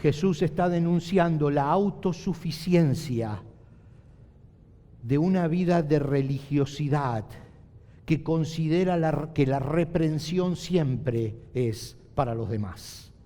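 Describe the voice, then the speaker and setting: A middle-aged male pastor preaching a sermon, emphatic, repeating key phrases and slowing down to stress them. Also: on the high side, warm tone. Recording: long hall reverb.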